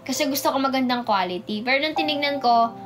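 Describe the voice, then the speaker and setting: A young woman with a high, girlish voice and a Filipino accent chats to her fans on a phone livestream. She is bubbly and eager, stumbling slightly over words because of a sore mouth. Music plays clearly behind her. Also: quick pace. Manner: bubbly, greets viewers by name with excited squeals. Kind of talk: casual livestream chat, reading comments. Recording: music playing in the background.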